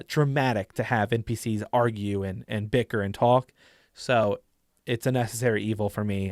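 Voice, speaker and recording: A young man with a medium-pitched, slightly mellow voice hosts a casual tutorial, recorded dry in a clean studio. He's a YouTube host and dungeon master, chatty and demonstrative, sprinkling in plenty of likes and you-knows.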